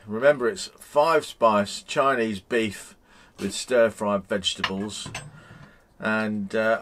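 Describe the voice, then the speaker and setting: A man's voice: deep voice, fairly bright tone, a little hiss or hum. A man in his fifties chatting casually to camera from inside a motorhome, rambling with frequent ums and restarts. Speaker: vlogger. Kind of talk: casual vlog chat.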